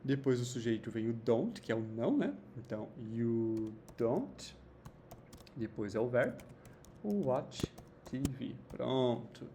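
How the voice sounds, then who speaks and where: A man teaching English grammar, slowing down for example sentences and checking in with "tá?" and "né?". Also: medium pitch, slight background noise. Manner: lively, slow drawn-out example sentences, frequent "tá?" and "né?" checks. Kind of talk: Portuguese-language English grammar lesson.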